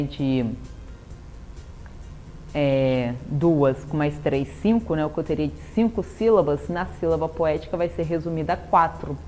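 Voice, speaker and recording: A woman's voice: low voice, darkish tone, slight background noise. A woman with a Brazilian Portuguese accent teaching a literature lesson, explaining step by step with rhetorical questions and a frequent tag "né?". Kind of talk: recorded classroom lesson.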